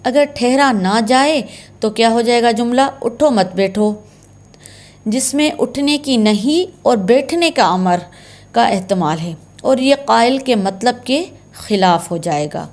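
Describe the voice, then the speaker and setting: A woman's voice: on the high side, expressive, a little slow, a little mellow. A woman teaching Quran recitation signs in a patient, step-by-step way, repeating key terms. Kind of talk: slow explanatory lesson.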